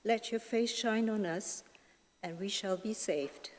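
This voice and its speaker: A woman slowly reading scripture and leading responses at Mass, in a long cathedral echo. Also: mid-range voice, crowd noise. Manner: slow, measured reading. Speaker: reader at Mass. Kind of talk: liturgical reading and psalm responses. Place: large church. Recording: echoey church from far off.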